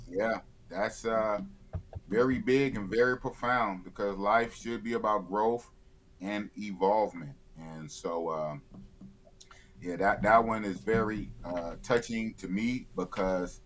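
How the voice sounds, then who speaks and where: A man's voice: on the low side, slow pace. A man of fifty, a YouTuber guest in a casual live interview, blunt and opinionated, often repeating himself. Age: 50s.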